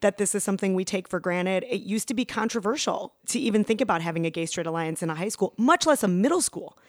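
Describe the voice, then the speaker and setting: A woman's voice: mid-range voice, expressive, fast, dry recording, clean studio sound. A middle-aged woman, a former teacher turned activist, talking reflectively in a casual interview and often adding "you know" and "right?" while laughing lightly now and then.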